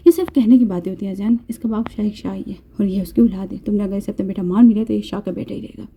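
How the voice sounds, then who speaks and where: A woman voicing a young widowed mother who speaks with husky, sorrowful earnestness. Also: mid-range voice, narrow, tinny audio. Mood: earnest.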